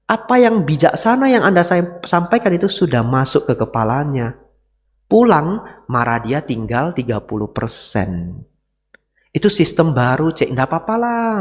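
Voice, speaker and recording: A man's voice: fairly high pitch, very animated, moderate pace. A man, a Buddhist monk, giving a dharma talk in a conversational way and often asking the audience rhetorical questions. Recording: reverberant hall.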